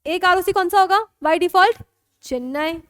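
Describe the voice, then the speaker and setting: A woman's voice: extremely high pitch, measured pace, fairly bright tone, no echo, studio quality. A woman teaching law in a classroom lecture with an Indian accent, mixing Hindi and English and often checking that students follow.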